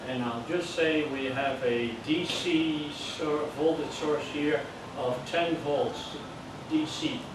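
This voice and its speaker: Slowly and with few pauses, an older man from the Netherlands lectures an electronics class in a Dutch accent, his voice a touch high for a man. As an amateur radio course instructor, he explains patiently and plainly, step by step, joking and checking in with the room. It's captured from a distance in a very echoey space with clear hiss.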